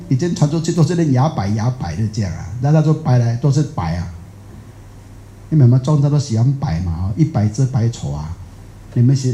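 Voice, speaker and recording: A man with a Taiwanese Mandarin accent gives a rambling, folksy Buddhist dharma talk, often stopping to question his listeners. His voice is very dark and mellow. It carries an echo from the room. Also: a little high. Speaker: Buddhist teacher. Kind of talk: dharma talk to a live audience.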